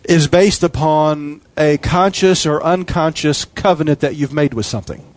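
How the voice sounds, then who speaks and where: At a moderate pace, a preacher whose voice sits a touch higher than most men's hammers home recurring phrases in an emphatic cadence.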